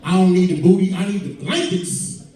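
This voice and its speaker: A man in his mid-forties does stand-up comedy for an audience at an indoor comedy venue, telling profane, conversational stories. His high voice is brisk with a dark tone. The live room is very echoey and the mic is distant.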